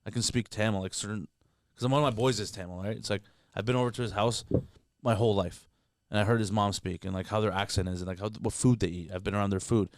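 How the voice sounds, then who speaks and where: A Canadian guest comedian chats candidly on a casual podcast, talking rapidly, swearing freely, and using heavy filler words. His voice sits on the low side with fairly even intonation, and there's slight background noise.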